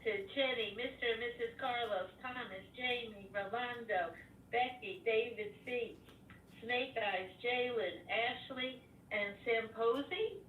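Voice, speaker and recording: A woman's voice: a little high, a little slow, narrow, tinny audio. An older woman chatting casually as a co-host. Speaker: co-host, host's mother. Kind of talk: casual chat. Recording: roomy, distant mic, faint noise.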